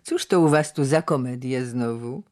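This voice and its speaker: A man's voice: mid-range voice, normal speed, a little mellow, natural voice. A man voicing a sly, chatty older estate steward in a storybook reading. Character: older pipe-smoking male estate steward.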